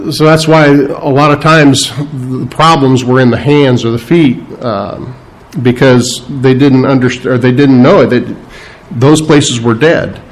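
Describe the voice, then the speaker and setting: A man preaching a sermon in an unscripted, halting way, often restarting his phrases. His pitch sits in the ordinary middle range for a man. He slows down to stress the words he wants remembered. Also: rough recording. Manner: unscripted, halting delivery with many fillers and restarts; explains scripture verse by verse, stressing key words. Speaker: pastor.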